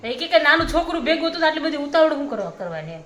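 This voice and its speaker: A woman's voice: high-pitched, sing-song, racing, fairly bright tone, a little hiss or hum. A woman in casual family chat, prompting a story with short questions and remarks. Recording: echoey room.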